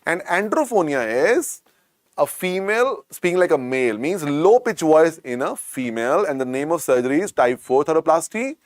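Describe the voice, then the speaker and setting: A man with an Indian English accent lectures to medical exam students. He repeats every key point and keeps coaxing the class along. His voice sits a little high for a man and is recorded dry and close, with no room sound. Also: expressive, normal speed, no room sound. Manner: repetitive, coaxing, keeps adding "beta" to drill points.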